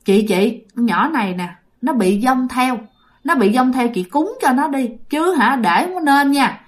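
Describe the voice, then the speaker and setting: A woman's voice: sits high, lively intonation, measured pace. A woman voicing a middle-aged passerby woman who urgently warns of a ghost.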